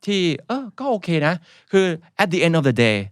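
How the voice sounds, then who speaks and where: Thai guy guest author chatting, animated, bit high voice, dry close sound. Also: slow, no echo. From Thailand. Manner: lively, animated storytelling. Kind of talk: casual interview chat, mixing in English words.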